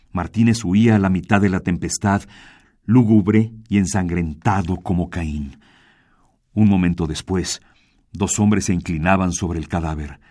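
A man's voice: sits low, darkish tone. A man with a Mexican Spanish accent narrating a dramatic story in a varied, theatrical reading.

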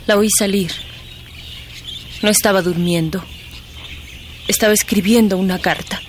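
An actress in a radio drama playing a weary young governess who speaks in a firm, controlled way. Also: female voice, mid-range voice, fairly even intonation, unhurried, slight background noise, close to an everyday voice. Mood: firm resolved. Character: young female governess, weary, resolute, commanding.

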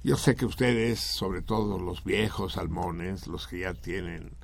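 Mexican male radio host, deep and gravelly, theatrical ironic banter. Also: fairly even intonation, unhurried, a little hiss or hum. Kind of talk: joking comedic radio banter.

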